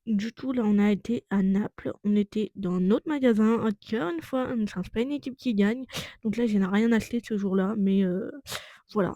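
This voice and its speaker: A woman's voice: mid-range voice, moderate pace, mellow, lo-fi sound, a little hiss or hum. A young woman chatting casually in a travel vlog, full of fillers and self-corrections. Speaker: vlogger.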